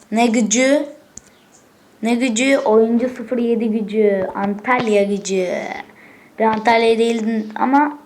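A woman hosting a gaming channel, chatting casually to viewers from a room at home, excitable and swearing as she gets frustrated. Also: mid-range voice, slight background noise. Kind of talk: casual gameplay commentary.

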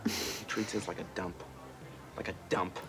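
A man's voice: low-pitched, level tone, unhurried, fairly bright tone. An actor playing a fussy, melodramatic young man in a TV comedy. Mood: indignant.

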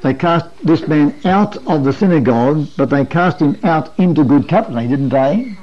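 Older guy in his 60s preaching a bible study, earnest, kinda high voice, muffled old tape sound. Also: animated, moderate pace. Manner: earnest, explanatory, asks rhetorical questions. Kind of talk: sermon-style Bible lesson with a whiteboard. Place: wood-panelled meeting room. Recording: dull lo-fi 1980s video recording.

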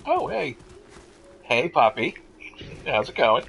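A man's voice: mid-range voice, wildly swooping pitch, slow pace, creaky, a bit bright, a little hiss or hum, poor audio. A man giving casual let's-play commentary as a gamer, joking and muttering asides with some swearing.

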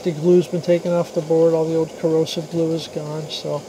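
A fairly high-pitched American man moves briskly through a casual product demo, keeping his phrases short, plain and matter-of-fact. He's a radio hobbyist presenter working at a radio bench in a small indoor room. The handheld camera or phone mic gives clear sound with steady background hiss and hum.

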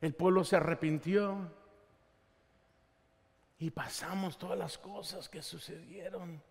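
A male pastor delivering a sermon during a live church service, telling Bible stories in an animated way and acting out what the characters say. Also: high voice, slow, vocal fry. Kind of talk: Spanish-language sermon. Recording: long reverb of a church hall.

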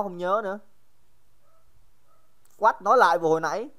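A man's voice: high-pitched, fairly bright tone, clear, resonant tone. A young man teaching a casual livestream math review, chatty and joking, teasing his students by name and often repeating himself.

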